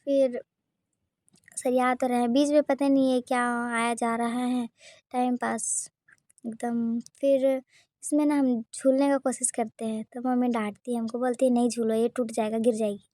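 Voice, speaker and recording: A woman narrating her vlog in a casual voice-over, telling a simple story with hesitant pauses. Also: a little high, flat delivery, mellow, dry recording, clean studio sound. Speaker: vlogger.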